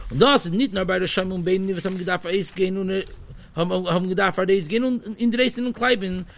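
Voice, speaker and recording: Guy teaching torah, sing-songy, high voice, lots of ums. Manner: animated, sing-song explaining with many fillers. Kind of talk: Talmudic study lesson.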